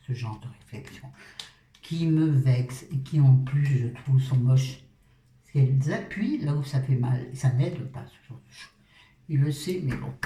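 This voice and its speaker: A woman's voice: rumbling low, dark tone, far from the mic, slight background noise. A middle-aged woman talking through her skincare routine at a washbasin, chatty and joking, poking fun at herself and swearing casually. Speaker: beauty vlogger. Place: at a washbasin indoors. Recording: roomy sound, voice off-mic.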